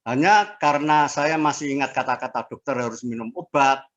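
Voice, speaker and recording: A man in his sixties recounts his own experience in a relaxed interview. His voice sits in a middle register. He talks haltingly, with frequent fillers and restarts. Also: mid-range voice, highs cut off. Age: 60s. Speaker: interviewee sharing a health testimony. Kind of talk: casual personal testimony.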